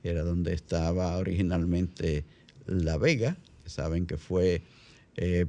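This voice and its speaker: A deep, slightly mellow male voice with a Dominican Caribbean Spanish accent hosts an unscripted radio talk show. He explains things haltingly, often repeating phrases.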